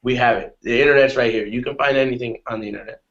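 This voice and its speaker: A man in a casual motivational talk on a webinar call, energetic and repetitive, often asking "right?". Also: medium pitch, fast. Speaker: guest on a webinar. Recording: dull lo-fi webinar audio.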